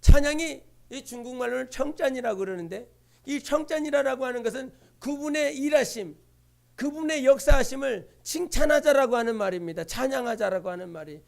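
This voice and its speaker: High-pitched gravelly male pastor preaching. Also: brisk, darkish tone. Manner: impassioned preaching with rhetorical questions and refrains. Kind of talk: Sunday sermon. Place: church sanctuary.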